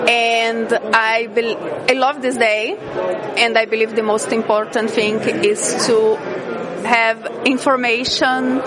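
A woman speaks slowly and haltingly, searching for words. Her voice is fairly high, and a crowd chatters around her. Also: low-quality recording. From Brazil. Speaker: event attendee.

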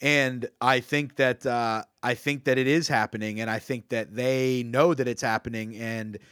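A young man co-hosting a casual podcast chat, talking in an animated way, acting out quoted voices and laughing often. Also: medium pitch, moderate pace, smooth, dry recording, clean studio sound. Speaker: podcast co-host.

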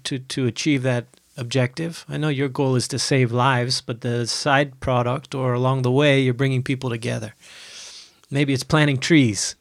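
A man's voice: mid-range voice, vocal fry, dry recording. A man co-hosts a podcast and asks his guest questions in a reflective way, working out his thoughts as he speaks. The recording is dry and close. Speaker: podcast co-host. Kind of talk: interview questions.

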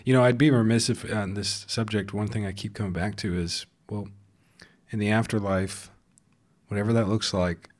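A man with a very low voice talks casually about faith with his podcast partner. He speaks in a relaxed, halting way and often restarts his sentences. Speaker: podcast co-host.

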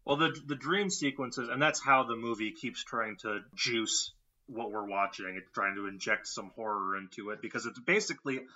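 Bright-toned wry male podcast host. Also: mid-range voice, moderate pace, dull audio. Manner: wry, laughs often, puts on mock voices. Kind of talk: casual film review chat.

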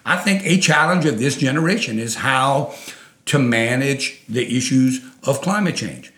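An oil industry advocate with a thick Louisiana Cajun accent makes his case as a guest in a conversational interview, explaining persuasively. His mid-range voice has lively intonation and a bit of brightness, and his pace is measured, with a roomy sound. He is emphatic and repeats phrases for weight.

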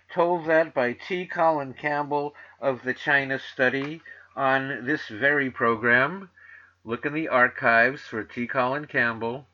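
Middle-aged New York man, radio host, slow rambling sardonic delivery, bright tone, dull lo-fi sound. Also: medium pitch. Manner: rambling, sardonic, many filler uhs. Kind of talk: casual monologue.

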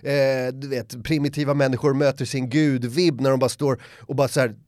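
A man's voice: mid-range voice, dry recording, studio quality. A middle-aged man chatting casually, telling a funny story and acting out the voices of others. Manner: animated storyteller who acts out other people's lines. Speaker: podcast guest. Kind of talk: casual chat, anecdote.

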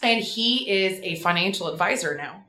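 Woman, 40s, interview guest, casual storytelling, animated, bright voice, echoey room. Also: medium pitch, moderate pace, a little hiss or hum. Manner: animated, laughing, acting out quotes.

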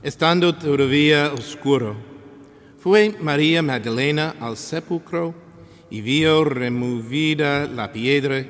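A man reading scripture as a priest, in a solemn, measured and deliberate liturgical manner with pauses. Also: a little high. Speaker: priest reading the Gospel at Mass. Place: large reverberant church. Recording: long church-like reverberation.

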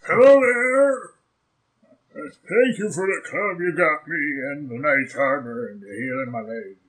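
A woman voicing an elderly male hill giant who is grateful and fond, with hearty, booming greetings. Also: expressive, measured pace, breathy edge, exaggerated voice, low-quality recording.

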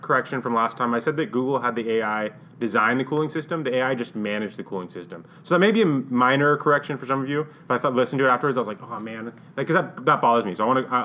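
A man co-hosts a casual podcast and likes to joke and tease. He talks quickly, with a middle-pitched voice and a faint hiss in the background. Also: sharp tone. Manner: joking and teasing. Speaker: podcast co-host.

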